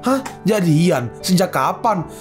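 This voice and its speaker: A man's voice: sits high, big pitch swings, slow, soft background music, full character voice. A man reading the part of a modest, flustered young woman in a manhua story recap, hesitant in manner.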